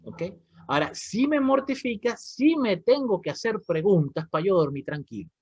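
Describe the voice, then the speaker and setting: A man with a Venezuelan accent leading an online reading club and explaining ideas in a lively way, often asking "¿ok?". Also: high-pitched, moderate pace, slightly rough, dry recording. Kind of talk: moderating an online reading discussion. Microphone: video call. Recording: dry, slightly dull call audio.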